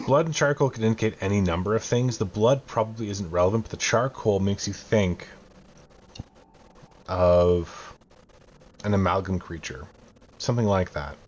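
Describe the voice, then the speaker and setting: Man, game master, calm descriptive narration, lowish voice, muffled lo-fi audio. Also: moderate pace, long pauses.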